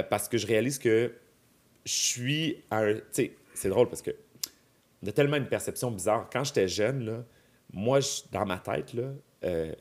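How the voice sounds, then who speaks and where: With a lowish, slightly mellow voice, this thirty-something podcast guest chats casually. He is a drag performer with a Québécois French accent who illustrates his points using examples and side remarks.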